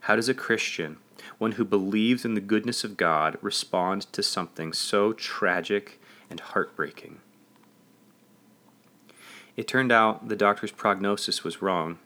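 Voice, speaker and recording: A man's voice: on the low side, a little slow, sharp tone. A middle-aged man reading a memoir audiobook in an earnest, reflective way. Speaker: audiobook narrator. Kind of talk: scripted narration of a memoir.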